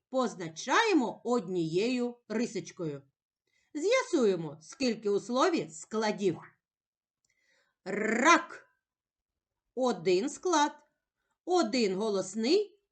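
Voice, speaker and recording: A woman teacher giving a slow, clear reading lesson to young children, stretching out the sounds in a sing-song way. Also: a little high. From Ukraine.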